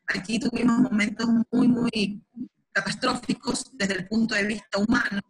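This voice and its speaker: A woman's voice: a little high, fairly even intonation, moderate pace, rough recording. A woman from Ecuador, an earnest audience member asking a question on a video call.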